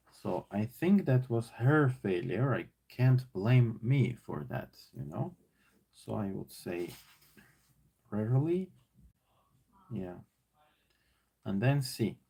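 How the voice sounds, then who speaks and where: Here an Armenian-accented teacher talks casually through a leadership workbook, reflecting on himself aloud with frequent fillers, repeats and false starts. He has a low, mellow voice with a gravelly, slightly husky texture.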